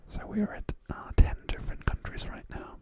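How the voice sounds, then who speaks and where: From a room at home, an ASMR livestream host whispers softly, reading viewer messages aloud. The talk is rambling and relaxed, at a moderate pace.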